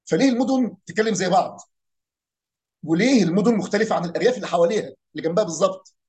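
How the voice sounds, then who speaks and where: A man with an Egyptian accent talks through regional dialects in an easy, chatty way. His voice sits high and his delivery is rapid. He keeps asking rhetorical questions and imitating how people in different areas pronounce words. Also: darkish tone. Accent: Egyptian Arabic. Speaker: speaker on Arabic dialects and folk heritage. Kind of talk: casual explanatory talk.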